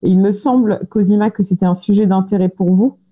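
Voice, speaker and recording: A woman's voice: medium pitch, fairly quick. A woman moderating a round table without a script, hesitant and rephrasing her questions as she goes. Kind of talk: unscripted panel moderation. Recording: dull band-limited phone-like sound.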